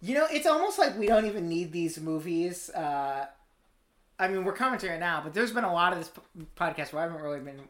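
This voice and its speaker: A woman's voice: lowish voice, sing-song, brisk. A woman co-hosting a casual podcast, trading dry, jokey banter. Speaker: podcast co-host.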